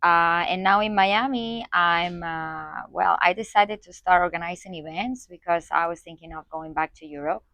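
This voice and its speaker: Low-voiced woman guest, halting and dry. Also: pushed and bright, no room sound. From Spain. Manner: hesitant, many fillers and restarts. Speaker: guest, community organizer. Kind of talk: conversational interview.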